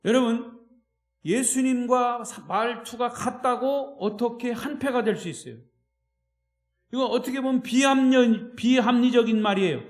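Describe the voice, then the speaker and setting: High-voiced Chungcheong-accented pastor preaching. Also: male voice. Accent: Chungcheong Korean. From Chungcheong, Korea. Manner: emphatic preaching, swings between loud and quiet, calls on the congregation. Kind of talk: sermon. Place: church at evening worship.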